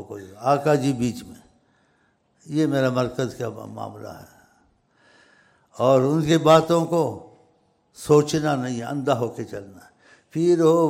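Gravelly older man preaching. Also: medium pitch. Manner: rambling, emphatic, swings between loud stresses and soft drops. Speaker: religious speaker. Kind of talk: informal sermon.

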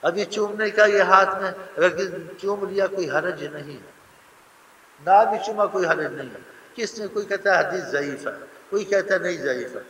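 A man's voice: high-pitched, pushed and bright, slight background noise. A man preaching a sermon in an earnest, emphatic manner, slipping into the voices of the people he quotes. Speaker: religious preacher. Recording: roomy hall, heard from a distance.

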